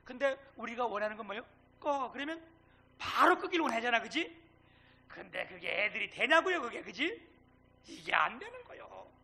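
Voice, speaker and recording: Middle-aged pastor guy preaching, super high bright voice, swings loud then hushed. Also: big pitch swings, a little fast, vocal fry, slightly rough. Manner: acts out quoted dialogue. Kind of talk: sermon.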